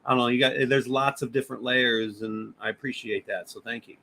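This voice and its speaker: Hosting a casual podcast livestream over a remote setup, a man talks loosely and swears freely while thinking aloud. His medium-pitched voice is brisk and sharp, with fairly even intonation, and there's slight background noise.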